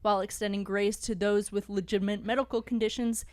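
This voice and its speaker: A woman's voice: mid-range voice, level tone, quick pace, a little mellow, no echo. Podcast host: young woman, easy laugh, dry studio mic. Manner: laughs often, reads smoothly. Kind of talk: casual chat and reading an article summary.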